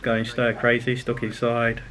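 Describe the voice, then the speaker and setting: A man's voice: medium pitch, completely flat delivery, a little slow, a crowd in the background. A young man hosting a podcast from a room at home, chatting and teasing his co-host. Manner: chatty, teasing, laughs often. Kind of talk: casual chat.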